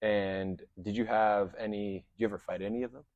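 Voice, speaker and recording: A male podcast host with a low-pitched voice introduces his guest with hype and then keeps things moving with brief questions. The recording is close and dry, with no room sound. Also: steady tone, brisk, a little mellow, no echo, lo-fi sound. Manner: hype-man introductions, short questions and backchannels. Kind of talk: interview hosting. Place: podcast studio.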